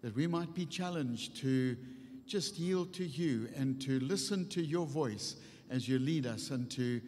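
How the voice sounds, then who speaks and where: A man's voice: mid-range voice, darkish tone. Older man, pastor; earnest extemporaneous prayer, mid-range voice, big hall reverb. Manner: earnest, repetitive phrasing. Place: church stage at a lectern, indoors. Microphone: microphone on a stand at the lectern.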